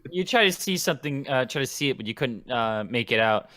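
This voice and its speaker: A man's voice: mid-range voice, lively intonation, fairly quick, sharp tone, no room sound, clean studio sound. A man narrating as game master of a tabletop game, rambling with many fillers and restarts.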